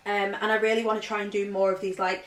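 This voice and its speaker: A woman's voice: mid-range voice, level tone, fast. A woman chatting through a vintage clothing haul at home, rambling and filling her talk with "like". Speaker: fashion vlogger. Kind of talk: casual vintage haul vlog. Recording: roomy echo, voice from off-mic.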